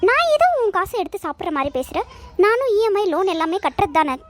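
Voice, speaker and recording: A woman's voice: very high-pitched, very animated, fast talker, soft background music, pitched above the performer's own voice. A woman voicing a bossy cartoon husband who scolds and gives orders. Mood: scolding. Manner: commanding, scolding.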